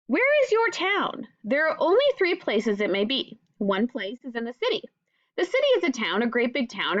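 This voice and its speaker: In a slightly high voice, a woman teacher reads a children's picture book aloud and turns to her young audience with simple questions and asides. The recording is dry and lo-fi.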